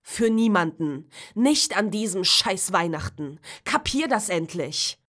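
A woman voicing an angry, sarcastic teenage boy who shouts and sneers. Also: mid-range voice, animated, moderate pace, natural voice. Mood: furious.

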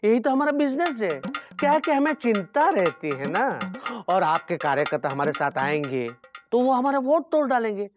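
An actor playing a sly, greedy small-town politician who haggles in a wheedling way, in a TV sitcom. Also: male voice, high-pitched, very animated, normal speed. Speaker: scheming local candidate haggling over a bribe. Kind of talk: TV sitcom acting. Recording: TV soundtrack with background music.

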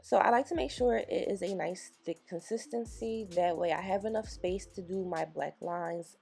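A woman with a rough, husky voice and a gravelly edge gives a relaxed nail tutorial voice-over. She sounds freshly woken and raspy, talking straight to her viewers in a chatty, encouraging way. Soft music plays faintly behind her. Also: on the low side, normal speed. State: raspy from just waking up. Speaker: nail technician.

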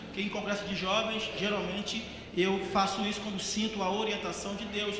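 A man, a pastor telling stories in a sermon and building to fervent shouted preaching. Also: high-pitched, little pitch movement, fairly quick, a crowd in the background. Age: 30s. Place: church hall. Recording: echoey church hall with music. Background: music playing.

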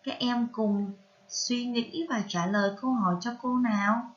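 A woman with a Vietnamese accent teaching a reading lesson to young children, spelling out syllables carefully and prompting them gently. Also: on the high side, fairly even intonation, measured pace, lo-fi sound. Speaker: primary school teacher.

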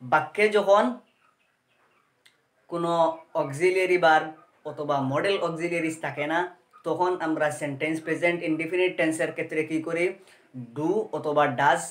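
Male tutor, patient step-by-step explainer, slightly high voice, roomy echo. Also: fairly even intonation. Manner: explains step by step, asks rhetorical questions and answers them; reads example sentences slowly word by word. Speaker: English grammar teacher. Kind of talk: Bengali-language grammar lesson.

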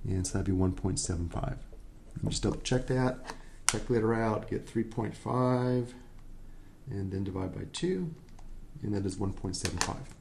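A man's voice: lowish voice, a little mellow. A man giving a recorded economics lecture, working through problems step by step and often checking in with "right?". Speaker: economics instructor.

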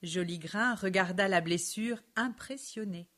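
A woman narrating a children's storybook with a clear, measured, expressive delivery. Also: medium pitch.

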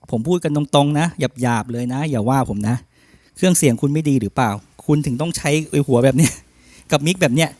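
A man's voice: on the high side, no echo. Blunt, pushy male gear seller. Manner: blunt, opinionated and persuasive. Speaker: audio equipment seller. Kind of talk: sales pitch and product demo.

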